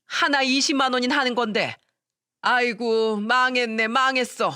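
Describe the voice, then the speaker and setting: A woman's voice: fairly high pitch, steady tone, normal speed, sharp tone, clear, resonant tone, no room sound, studio quality, voice pushed up. A woman voicing an elderly, superstitious mother-in-law who nags and wails in a storytelling radio drama. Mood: scolding, wailing. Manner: nagging, wailing complaints. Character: elderly shaman-obsessed mother-in-law, shrill and scolding.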